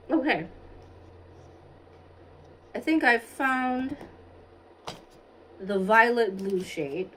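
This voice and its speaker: A woman from Singapore chats her way through a makeup livestream, taking her time and thinking aloud as she picks colors and replies to viewers. Her voice sits at an ordinary middle pitch. A faint room hum sits behind it, picked up by a phone mic. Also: low-quality recording. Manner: chatty, thinking aloud, answering chat comments. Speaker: beauty livestreamer. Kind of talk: casual livestream chat while doing makeup. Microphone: phone on a stand.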